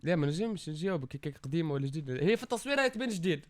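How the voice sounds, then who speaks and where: A young man with a Tunisian accent bantering and teasing as a contestant in a car guessing game, often repeating his words quickly. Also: a little high, very animated, dry recording, studio quality. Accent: Tunisian Arabic.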